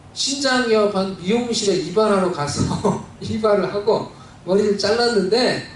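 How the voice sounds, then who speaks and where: A pastor with a high-sitting voice preaches in a church sanctuary, sharing a personal story in a heartfelt, conversational way full of fillers. The mic sits at a distance in a very echoey hall, and there's a little hiss or hum.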